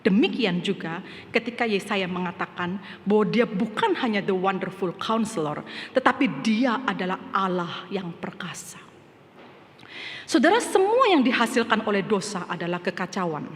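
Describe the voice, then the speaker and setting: A middle-aged woman pastor from Indonesia preaching a sermon, telling a personal story and rising to loud, emphatic passages, mixing English phrases into her speech. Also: mid-range voice, animated, moderate pace. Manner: storytelling, swells to loud emphatic preaching, drops to soft asides. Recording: long hall reverb with faint background noise.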